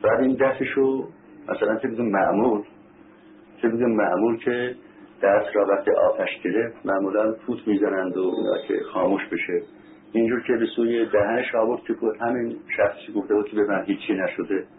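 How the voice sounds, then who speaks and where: A man's voice: fairly low pitch, steady tone. A man preaching a sermon as a story, repeating phrases for emphasis, asking his listeners rhetorical questions and reciting Arabic scripture. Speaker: religious preacher. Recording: tinny phone-like recording with faint hiss.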